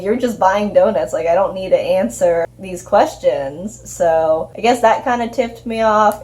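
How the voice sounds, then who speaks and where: Meet a young woman in her twenties with a lowish speaking voice. She rambles through personal stories in easy conversation, full of "like" and "um". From United States. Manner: relaxed, chatty, leans on "like" and "um". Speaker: co-host. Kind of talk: casual personal storytelling.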